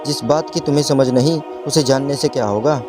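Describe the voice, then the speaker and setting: A man's voice: medium pitch, a little fast, over music, natural voice. A man voicing a scheming young man who insistently threatens and frightens a girl, in a storybook reading. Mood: menacing insistence.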